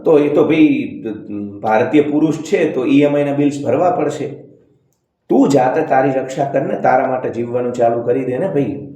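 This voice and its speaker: Motivational speaker, man; preachy, scolding, sarcastic; warm low timbre, reverberant room. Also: normal speed. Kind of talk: blunt motivational monologue.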